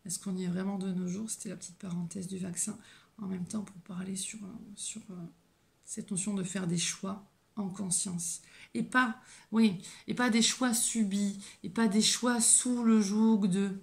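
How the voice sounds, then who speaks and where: A woman working as a medium, giving a live oracle card reading, speaking haltingly with many restarts and gently encouraging her viewers. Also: mid-range voice, steady tone, creaky. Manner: hesitant, halting, with frequent fillers and restarts. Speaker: medium and spiritual guide.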